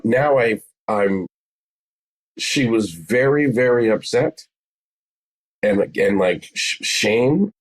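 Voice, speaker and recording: A psychotherapist in his forties, appearing as a podcast guest, explains things conversationally in an interview. His voice is fairly low and slightly rough, and he's emphatic, repeating phrases for stress. The recording is rough.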